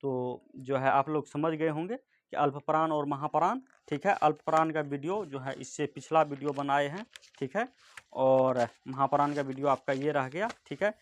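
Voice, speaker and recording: Slow, repetitive male grammar teacher. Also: fairly high pitch. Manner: slow, repeats each point, checks in often. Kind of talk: blackboard grammar lesson.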